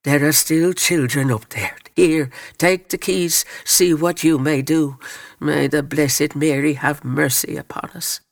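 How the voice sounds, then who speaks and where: A man's voice: fairly high pitch, steady tone, measured pace, gravelly, no room sound. A man doing a grave devout older man.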